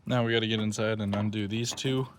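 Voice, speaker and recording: A man's voice: on the low side, fairly even intonation, fast. A man casually narrating his DIY car work in a plain-spoken, offhand way, recorded on a phone in the wind. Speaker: DIY car restoration vlogger. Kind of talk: casual narration while working. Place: working on a car, windy outdoors. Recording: windy, noisy phone recording. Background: loud wind noise, clicks.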